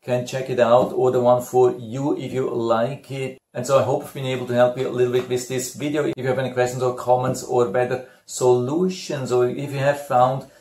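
A middle-aged man talks through a tool review at a desk, showing each feature as he goes. His voice sits at an ordinary middle pitch. The small room bounces his voice back noticeably. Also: flat delivery, a little fast, few pauses, a little mellow, echoey room. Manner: explanatory, demonstrating a tool while talking. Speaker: product reviewer. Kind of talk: casual product review to camera.

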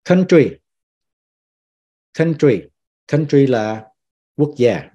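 A man's voice: mid-range voice, lively intonation, extremely slow, warm tone, husky, dull audio. A man teaching a citizenship vocabulary lesson who repeats each English word and then explains it. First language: Vietnamese. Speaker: pastor teaching citizenship class.

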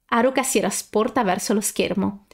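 A woman reading fan fiction aloud as an audiobook narrator, steady storytelling with occasional self-corrections. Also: medium pitch, fairly quick, breathy edge.

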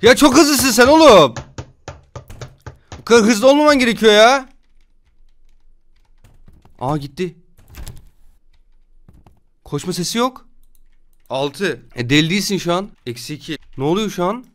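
A man giving loud, jokey commentary while playing a video game. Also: high-pitched, animated, moderate pace, long pauses. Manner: loud, jokey, yelping reactions. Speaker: gamer streamer. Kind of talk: excited gameplay commentary.

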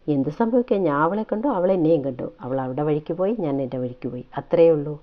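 Woman doing a gruff teasing elder brother. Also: sits low, lively intonation, fast talker, muffled recording. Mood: dismissive. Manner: gruff, offhand. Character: brusque teasing elder brother, young man.

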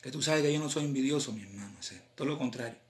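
A man with a Cuban accent, a rapper chatting casually on a live stream in animated, slang-filled talk. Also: mid-range voice, racing. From Cuba.

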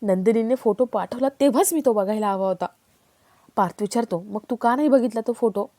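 A woman narrates a television serial recap, reading each character's lines in her own even voice. Her tone is mellow and soft. The recording is close and dry. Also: a little high, brisk, no echo.

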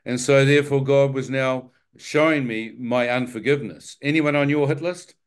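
A man's voice: medium pitch, moderate pace, clean tone. A man telling his testimony to a church audience, acting out his thoughts and prayers with wry, joking asides. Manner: animated storyteller who acts out his own thoughts and prayers. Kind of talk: testimony sermon.

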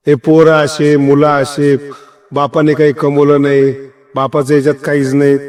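A man giving a devotional kirtan discourse, telling anecdotes and acting out dialogue with wide swings of tone. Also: moderate pace. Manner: animated, acts out dialogue, swings pitch widely, chuckles. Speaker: kirtan preacher. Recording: long hall reverb.

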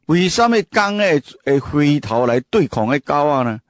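A man's voice: on the high side, big pitch swings, moderate pace, no echo. A man who grew up speaking Hakka hosts a casual storytelling monologue. He talks emphatically, asks the listener many rhetorical questions, and repeats and restarts his phrases. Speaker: host.

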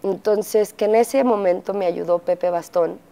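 A middle-aged woman with a Mexican accent telling her story as an interview guest, pausing often with fillers and acting out quotes. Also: medium pitch, fairly even intonation, gravelly, mellow. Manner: halting, frequent fillers, acts out quotes. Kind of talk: candid interview testimony.

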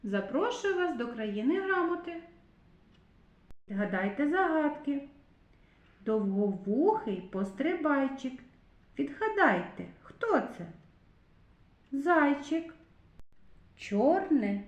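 Slow sing-song teacher woman, echoey room. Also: high-pitched, dull audio. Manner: slow, sing-song, addresses children tenderly. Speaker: preschool teacher. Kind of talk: scripted lesson for young children.

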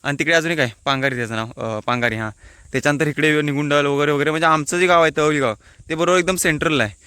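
This man's voice runs a little high and races, sounding pushed, bright, clear and resonant in a dry recording. A vlogger from Konkan with a Konkani-inflected Marathi accent, he chats casually into a handheld phone outdoors by a hilltop water tank, explaining local words.

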